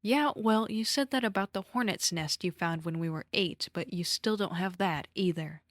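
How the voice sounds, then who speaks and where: A man's voice: high-pitched, expressive, unhurried, a bit bright, dry recording, clean studio sound, full character voice. A woman voicing a fed-up, sensible teenage boy who snaps back in a storybook reading. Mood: exasperated. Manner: exasperated, snappish.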